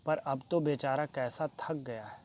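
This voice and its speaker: A worried mother fusses over her sick boy, read aloud by a man. The lines come out slow and unhurried, in a plain reading voice. Faint insect chirps sit low behind. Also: a little hiss or hum, lightly acted. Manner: reads the part plainly in his own voice.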